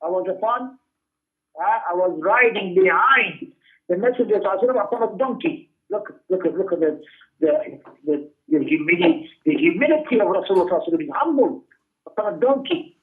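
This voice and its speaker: A man with a high, lively voice teaches an emphatic Islamic lesson at a quick pace, reading Arabic texts, explaining them in English, and repeating phrases for stress. The lecture sounds tinny, like phone or radio audio.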